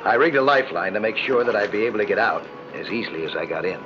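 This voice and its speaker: An actor voicing an adult male diver who narrates his own story in a calm, measured, scripted voice-over. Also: fairly low pitch, lightly acted. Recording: dull lo-fi 1960s TV soundtrack with loud music.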